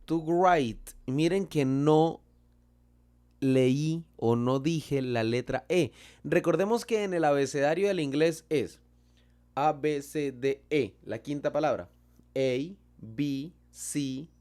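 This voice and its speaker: A man with a Colombian Spanish accent teaching a lesson, slow and deliberate, asking and answering his own questions. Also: fairly high pitch, darkish tone. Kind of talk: explaining a lesson.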